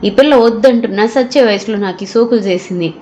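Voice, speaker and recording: A woman voicing a sharp-tongued, grumbling old mother-in-law in an audio story. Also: fairly high pitch, a little fast, lo-fi sound, a little hiss or hum, lightly acted. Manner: scolding, grumbling.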